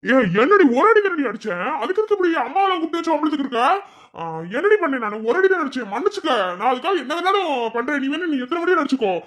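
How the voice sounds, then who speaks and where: A man's voice: very high-pitched, lively intonation, rapid-fire, few pauses, a bit bright. A man voicing a hot-tempered, clumsy young village husband in a cartoon, whining and pleading, with a Madurai accent. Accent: Madurai Tamil. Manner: pleading, whiny apologies.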